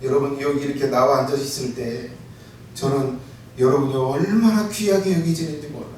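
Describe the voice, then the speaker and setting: A pastor preaching an impassioned sermon, often shouting for emphasis and acting out quoted words. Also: male voice, medium pitch, fairly quick, a little hiss or hum. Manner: acts out listeners' and Jesus' words in quotes. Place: church sanctuary. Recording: echoey church hall, mic far off.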